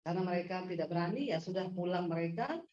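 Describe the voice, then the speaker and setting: A woman pastor telling a story in a sermon, animated, acting out the voices of the people she quotes. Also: fairly low pitch, quick pace. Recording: echoey hall, dull lo-fi sound.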